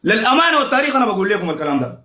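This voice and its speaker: A man's voice: high-pitched, big pitch swings, racing, bright, forceful tone, echoey room. A man with a Sudanese Arabic accent in a heated, insulting livestream rant, repeating himself over and over.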